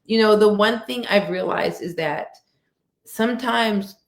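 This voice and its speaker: Woman guest, mid pitch, measured and emphatic, video call, roomy echo. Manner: steady, measured delivery; emphatic, rhetorical "right?". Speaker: guest speaker. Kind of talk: conversational interview answer. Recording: echoey room.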